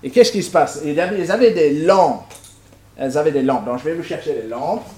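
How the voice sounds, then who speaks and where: Preacher guy, kinda high voice, lively, bossing helpers around with jokes. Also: a little fast. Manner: lively, directs volunteers, light humour. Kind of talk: interactive Bible storytelling with props.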